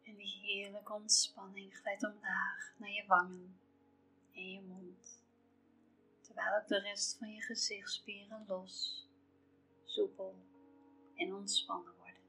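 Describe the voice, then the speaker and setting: A woman reading a scripted guided relaxation in a soft, soothing, half-whispered delivery with measured, calming phrasing. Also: medium pitch, breathy edge, low-quality recording. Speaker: guided relaxation narrator for pregnancy. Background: soft music.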